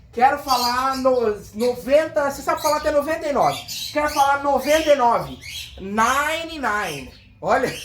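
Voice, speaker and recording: A high-pitched woman with a Brazilian Portuguese accent teaches in a relaxed, chatty way, slowing down to repeat each word so learners can copy it. She is recorded in a bare, echoey room, with birds chirping faintly outside. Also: a little hiss or hum. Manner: repeats words slowly, drilling pronunciation. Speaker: English teacher. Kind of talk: casual online lesson.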